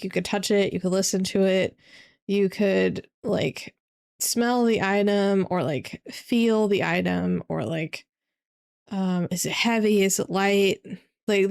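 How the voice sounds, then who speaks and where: A woman's voice: medium pitch, vocal fry, darkish tone. Woman game streamer, casual rambling chat, hesitant with lots of fillers, desk mic at home. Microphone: desk microphone.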